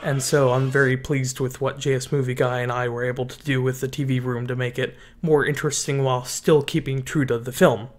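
A man giving relaxed, casual voice-over commentary on a Minecraft build, often pausing with ums and restarting sentences. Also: medium pitch.

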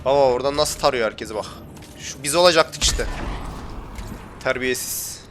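A man's voice: medium pitch, fast, fairly bright tone, a little hiss or hum. A young man commentating his gameplay for viewers, chatty and often complaining that he is getting annoyed. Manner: grumbling, gets worked up and complains to viewers. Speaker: gaming YouTuber.

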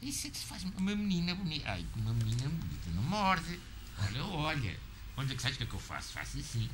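A man's voice: medium pitch, huge pitch swings, fast talker, noisy background. A man talking casually at home, doting and cooing in baby talk. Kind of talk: casual home video chat.

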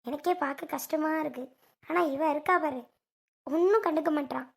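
A woman's voice: high-pitched, normal speed, gravelly. A woman playing a fussy grandmother in a family comedy skit, who nags, complains and lectures. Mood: scolding. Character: fussy scolding grandmother, protective of baby.

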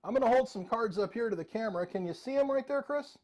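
A middle-aged virtual magician and mentalist with a very high-pitched, slightly mellow voice performs jokey, interactive mind-reading patter as a showman, calling participants by name. He talks quickly with lively intonation from an indoor room with bookshelves over a video call.

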